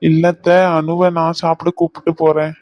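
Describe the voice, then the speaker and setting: A woman puts on a low, soft voice for a young cartoon bridegroom. He sounds gentle and doting, and the recording is close and dry. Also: completely flat delivery, moderate pace, no echo, lightly acted. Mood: tender.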